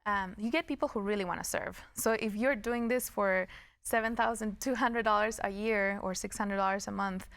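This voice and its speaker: Female interviewee, political candidate, earnest explainer, creaky texture, very dry close sound. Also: medium pitch, steady tone, normal speed, a bit bright, no room sound.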